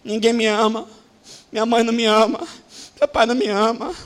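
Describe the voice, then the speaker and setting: A man's voice: very high voice, fairly even intonation, fairly quick, fairly bright tone. A man voicing a self-pitying, unloved young person who whimpers and half-cries about feeling ugly and abandoned. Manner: whiny, whimpering, half-crying.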